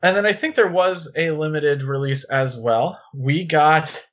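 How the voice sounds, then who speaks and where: As a podcast co-host, a man discusses films casually, full of enthusiasm and prone to rambling asides. His voice is a little high and a bit bright, and he speaks a little slowly.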